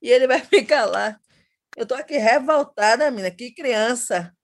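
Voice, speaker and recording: A woman guest on a podcast, telling a funny story in an animated way and laughing as she talks. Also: on the high side, moderate pace. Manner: animated comic storytelling, often says "my daughter". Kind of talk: casual podcast chat.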